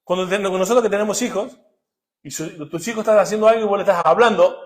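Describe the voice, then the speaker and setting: A middle-aged male pastor, preaching a sermon. He swings between hushed asides and loud, emphatic bursts, often putting rhetorical questions to the congregation. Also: sits high, fast talker.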